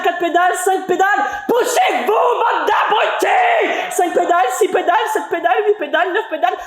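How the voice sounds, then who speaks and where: A woman's voice: very high voice, a little hiss or hum. An actress playing a frazzled young woman, echoey stage. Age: 20s. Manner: rhythmic, breathless, jumpy outbursts. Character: frazzled young woman after-school worker, nearly thirty. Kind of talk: stage reading of a monologue. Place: stage at a theatre festival. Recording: echoey live hall.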